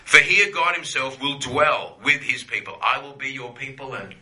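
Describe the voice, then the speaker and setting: A man's voice: mid-range voice, normal speed, sharp tone, roomy sound, poor audio. A man teaching a Bible class to a group, conversational, often checking in with "yeah?" and repeating phrases for emphasis.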